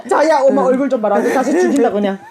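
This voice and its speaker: A woman's voice: high voice, lively intonation, fast talker, crowd noise. A young woman chatting casually with her mother, teasing her and prompting her with questions. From North Korea. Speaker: daughter co-hosting a talk channel. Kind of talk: casual chat.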